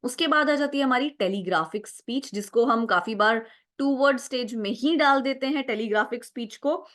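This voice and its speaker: A young woman, her voice a little high and fairly bright, lectures for exam prep at an ordinary pace. She breaks concepts down stepwise, code-switches between Hindi and English, and keeps checking in with "right?"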